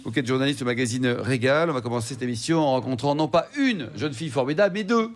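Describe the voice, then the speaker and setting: A man hosting a live radio talk show from a wine bar, quick and joking, cutting in with questions. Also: mid-range voice.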